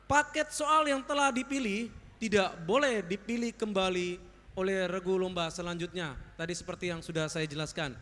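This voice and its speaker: Bright-voiced woman reading rules in a hall. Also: on the high side. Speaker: competition judge reading the rules. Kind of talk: formal rule reading to contestants. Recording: reverberant hall.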